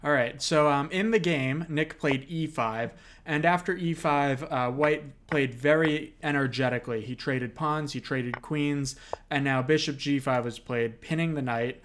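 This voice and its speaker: A man's voice: a little high, unhurried, a bit bright, slight background noise. A man co-hosting a chess roundup, explaining moves in a casual, analytical way with frequent "uh" and "um" fillers. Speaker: chess commentator.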